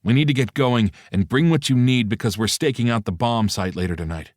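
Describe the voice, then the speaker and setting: A bossy male leader with a sharp temper, snapping out orders, as a male narrator puts him on. Pushed noticeably higher than the narrator's low voice, in a dead-dry booth. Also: fairly quick, dry recording, lightly acted. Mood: curt. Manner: barking, hissing orders.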